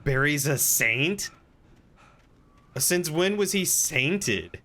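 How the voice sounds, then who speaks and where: A man's voice: fairly high pitch, animated, drawn-out words, bright, forceful tone. A man giving casual, wry gameplay commentary as a streamer, playfully teasing the game's characters. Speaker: game streamer. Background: faint game sounds.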